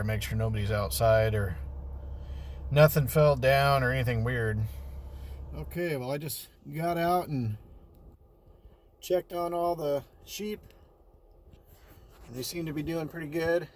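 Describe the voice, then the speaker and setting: A man's voice: medium pitch, a little slow, long pauses, slight background noise. A man filming a casual vlog from his snowy sheep ranch, talking in an easygoing way, his voice muffled by a face mask. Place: outdoors on a snowy ranch and in a car.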